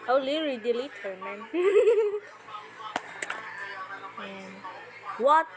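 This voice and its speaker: High-pitched and very animated yet slow, this woman's voice competes with loud music playing behind it. As a YouTuber recording a reaction video, she gives scornful, slangy, mocking commentary in a casual way, repeating phrases to drive her points home.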